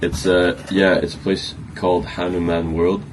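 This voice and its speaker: A man's voice: sits low, level tone, moderate pace. A young man chatting casually and playfully on camera as a travel companion. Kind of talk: casual vlog chat. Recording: loud background noise.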